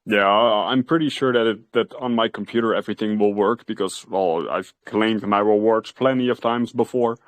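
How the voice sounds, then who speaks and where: A man with a lowish voice chats casually on a call, easygoing but hesitant, often stuttering over his first words. The sound is close and dry, with no room around it. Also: steady tone, moderate pace, hardly any pauses, dry recording. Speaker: community member asking for help. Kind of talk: casual voice-chat conversation.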